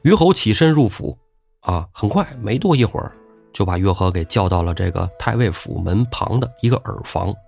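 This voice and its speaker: Low-voiced playful male storyteller. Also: lively intonation, normal speed, gravelly, a little mellow, faint music behind. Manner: playful, chatty asides. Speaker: storyteller host. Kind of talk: comic oral storytelling.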